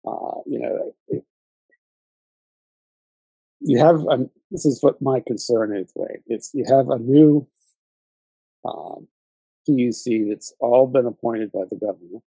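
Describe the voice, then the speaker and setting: A man's voice: mid-range voice, measured pace, long pauses, warm tone, slightly rough, no echo, low-quality recording. A journalist guest in an interview, a man who talks hesitantly and restarts his sentences. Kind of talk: conversational interview.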